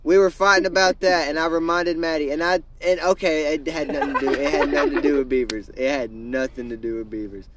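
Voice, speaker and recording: A young man rambling in casual chat with friends in a small closed space, coughing, high and losing his train of thought. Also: steady tone, fast, few pauses, a bit bright, a little hiss or hum. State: intoxicated, coughing.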